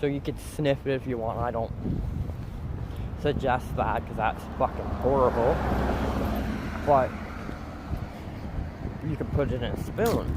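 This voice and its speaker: Low-voiced man rambling over loud background noise. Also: unhurried, pauses often. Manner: blunt, profane, meandering. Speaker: streamer. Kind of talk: casual rambling livestream chat.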